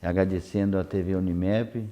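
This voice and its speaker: Low, mellow man, halting delivery. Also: steady tone. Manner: halting, repeats words as he searches for phrasing. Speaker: interview host. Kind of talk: unscripted conversational interview.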